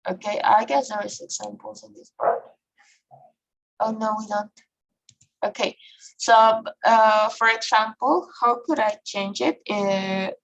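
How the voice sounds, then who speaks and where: A woman's voice: mid-range voice, creaky, rough recording. A woman teaching an English grammar class online, often checking in with "okay?" and "right?". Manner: frequent checking questions, filler okay and right.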